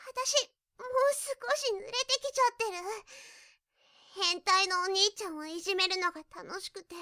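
A woman's voice: extremely high pitch, lively intonation, normal speed, bright, forceful tone, dry recording, clean studio sound, exaggerated voice. A woman voicing a domineering younger sister in an audio drama, speaking in a mocking, commanding tone. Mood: teasing. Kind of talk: audio drama role-play.

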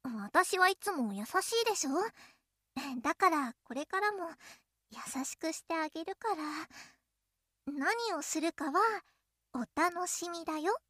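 A woman voicing a clingy, possessive young childhood-friend girl in an audio role-play, speaking to the listener in a coy, playful, teasing way with a soft menace. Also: very high-pitched, lively intonation, a little slow, dry recording, clean studio sound, full character voice.

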